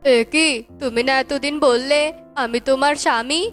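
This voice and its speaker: A woman's voice: sits high, fairly even intonation, normal speed, faint music behind, close to an everyday voice. A woman voicing a stern bird police officer who firmly exposes a fugitive in a cartoon. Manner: firm, accusing.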